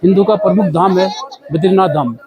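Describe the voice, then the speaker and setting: A man's voice: high voice, brisk, slightly rough, muffled recording. A man hosting a travel vlog, narrating practical information and showing viewers around.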